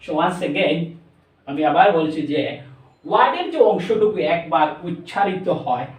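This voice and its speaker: A man with a Bangladeshi accent teaching a spoken English lesson, slowly stretching out words and mixing English into his explanations. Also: sits high, sing-song. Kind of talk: classroom lesson. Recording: echoey room, voice from a distance.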